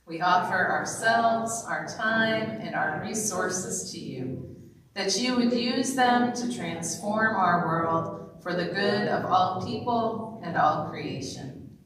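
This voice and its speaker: A woman presiding minister leading a church liturgy, speaking prayers and chanting the sung parts in a slow, sustained line, with a cathedral echo. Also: fairly low pitch, far from the mic, a crowd in the background. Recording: very echoey church, faint music behind.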